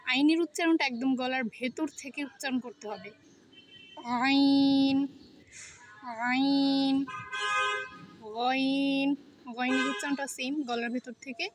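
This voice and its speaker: A woman with a high-sitting voice teaches the Arabic alphabet as a step-by-step pronunciation lesson, pronouncing every letter slowly and repeating it. Soft music plays in the background.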